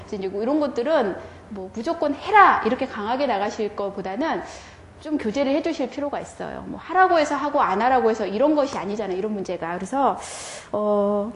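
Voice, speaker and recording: A woman Sunday school teacher presenting a lesson plan to fellow teachers, telling the story in an animated way and asking rhetorical questions. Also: a little high, slight background noise. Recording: echoey room.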